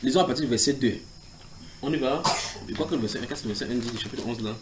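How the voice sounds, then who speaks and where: Against a noisy background, the man preaches at a very fast clip in a mid-range voice, teaching the Bible to a house church. He's animated, reading verses aloud and directing questions at the group.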